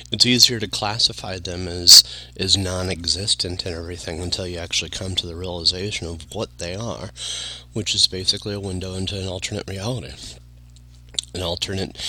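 A man's voice: low-pitched, steady tone, normal speed, bright, forceful tone. A tired man talking casually to the camera in a meandering monologue, full of fillers and restarts. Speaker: vlogger.

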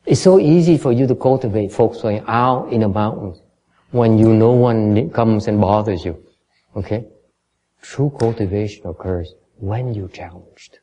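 Mellow-voiced male dharma teacher. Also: lowish voice, measured pace. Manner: explains in English, then repeats in Vietnamese, often stumbling over repeated words. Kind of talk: bilingual dharma lecture.

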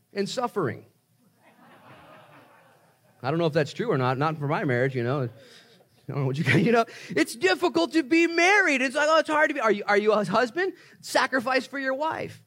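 A man preaching a sermon in an emphatic, motivational way, talking straight to his listeners in conversational language with rhetorical questions. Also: high voice. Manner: emphatic motivational preaching, swinging from hushed asides to raised exclamations. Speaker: pastor preaching.

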